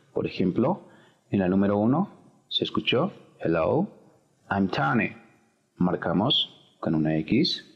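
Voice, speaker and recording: A man teaching English, patiently explaining a workbook exercise step by step. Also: low voice. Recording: echoey, dull-sounding recording.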